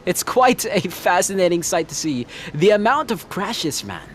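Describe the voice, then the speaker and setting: Lively casual male race commentator. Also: high voice, a little slow, slight background noise. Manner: casual, laughs often, says "bro". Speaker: sim racing stream commentator. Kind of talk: live stream commentary.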